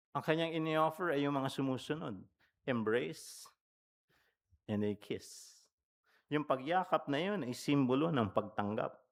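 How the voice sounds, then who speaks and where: A man's voice: fairly high pitch, fairly bright tone. A male pastor preaching a sermon in a conversational, storytelling way, asking the congregation questions and switching between Tagalog and English mid-sentence.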